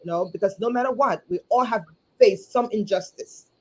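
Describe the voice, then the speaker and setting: A woman from Liberia, speaking earnestly as a guest over a video call, often repeating words and pausing on fillers. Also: medium pitch, darkish tone, husky. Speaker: guest, community advocate and chapter chair. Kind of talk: livestream interview.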